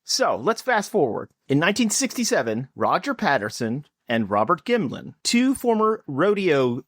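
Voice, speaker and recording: A man co-hosting a casual comedy podcast, telling a folklore story in a jokey, lively way. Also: moderate pace, no echo. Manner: lively, jokey storytelling with big pitch swings.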